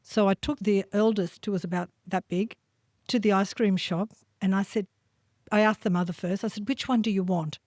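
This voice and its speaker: A woman's voice: mid-range voice, fairly even intonation, normal speed, a little mellow, no echo. Woman, podcast host, heartfelt and emotional, close dry sound. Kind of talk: casual interview chat.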